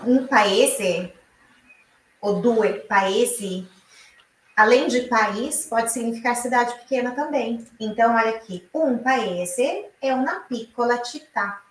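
A woman from Brazil teaching an online Italian lesson, explaining slowly and repeating each example aloud. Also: fairly high pitch, reverberant, far from the mic, rough recording.

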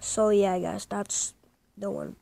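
A woman's voice: mid-range voice, huge pitch swings, slow pace, vocal fry. A woman hosting a casual gaming video, rambling with lots of hesitant ums as she talks through the game. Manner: hushed at times so as not to wake someone. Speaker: gaming channel host.

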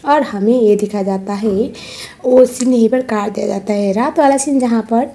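Lively woman retelling a drama. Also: moderate pace. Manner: lively, acts out quoted lines with rising pitch. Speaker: drama recap narrator. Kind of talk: casual storytelling recap.

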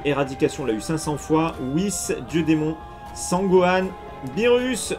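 A chatty, excitable man with a fairly high voice talks straight to his viewers as he opens trading card packs. His commentary is casual, and soft music plays faintly underneath. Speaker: card unboxing youtuber.

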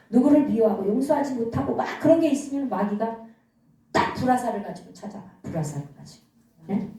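A woman pastor gives a lively sermon, and her pitch swings up and down as she quizzes the congregation and answers for them. Her voice sits fairly high. It sounds far from the mic and echoes around the church hall. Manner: call-and-response preaching, answering her own questions.

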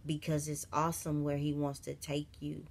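A woman's voice: low voice, monotone, moderate pace, creaky. A woman giving an inspirational religious talk in a vlog, urging her viewers on and repeating her phrases. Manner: exhorting, repeats phrases, addresses viewers as y'all. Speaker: beauty vlogger giving a faith talk.

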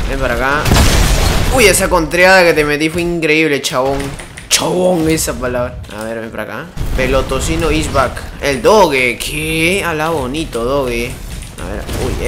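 A man giving excitable live gameplay commentary, yelping and exclaiming as things happen in the game. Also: on the high side, noisy background. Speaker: gaming streamer.

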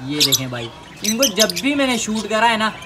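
A man, chatting casually to the camera as he shows his pet birds, animated and exclaiming at them. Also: sits high, moderate pace. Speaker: pet vlogger. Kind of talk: casual vlog narration. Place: outdoor backyard with bird pens. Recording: noisy outdoor phone recording. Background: birds chirping and squawking.

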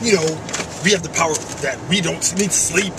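A man's voice: fairly high pitch, brisk, gravelly. Weary young man vlogging, noisy car. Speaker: video creator, vlogger. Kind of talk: casual vlog chat. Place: inside a car. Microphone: camera in the car, off from the mouth. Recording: noisy car interior, distant mic.

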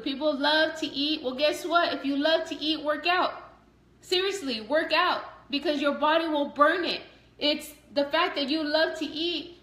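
A woman's voice: on the high side, a bit bright. A woman in her thirties, a fitness coach, chatting casually and encouragingly through a meal prep vlog in her home kitchen, recorded on a camera set on the counter. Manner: chatty, repetitive, preachy encouragement. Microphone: camera on the counter in front of her. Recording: echoey kitchen.

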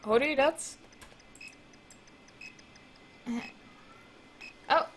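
A high voice with drawn-out words comes from a woman hosting a gaming video at her computer at home, headphones on. She chats casually and profanely with viewers, mixing in English, over a slight hiss or hum.

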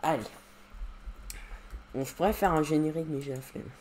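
A man's voice: on the high side, moderate pace, a little mellow. A man giving casual, rambling gameplay commentary at his computer, hesitating often with fillers. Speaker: YouTuber.

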